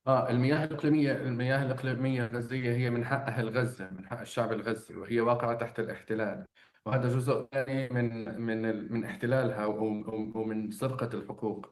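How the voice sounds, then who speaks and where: A man's voice: mid-range voice, steady tone, fast talker. Echoey Levantine man, earnest and conversational. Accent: Levantine Arabic. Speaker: activist leading the conversation. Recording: roomy, echoing sound.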